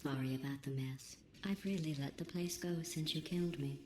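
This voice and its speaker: A woman voicing a cold, sarcastic female computer that runs a test lab, calm and insulting, with a robotic processed sound. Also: low-pitched, moderate pace. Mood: deadpan sarcasm. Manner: deadpan, passive-aggressive, insulting in a calm even tone. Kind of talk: video game dialogue. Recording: echoey game audio with steady hum.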